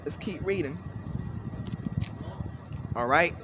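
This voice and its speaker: A man's voice: a little high, expressive, slow pace, background noise. A man preaching scripture outdoors in a fervent, emphatic way, constantly checking in with "all right?" and "man". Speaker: street preacher. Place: outdoors by a street.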